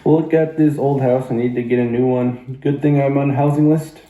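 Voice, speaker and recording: A man's voice: medium pitch, steady tone, a little fast, mellow, natural voice. A man playing a goofy, greedy, grouchy old uncle in an amateur sock puppet show, with a muffled voice. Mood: defiant. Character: crusty, grumpy, greedy old reserve uncle, nearly ninety-five. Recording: muffled sound in echoey room.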